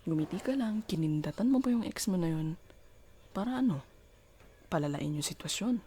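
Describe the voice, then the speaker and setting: A woman with a Filipino accent plays a hurt, accusing, jealous girlfriend who scolds and dominates her partner in an intimate ASMR roleplay. Her lowish voice is mellow, husky, and breathy with lively intonation as she questions slowly and deliberately and gives commands, switching between Tagalog and English.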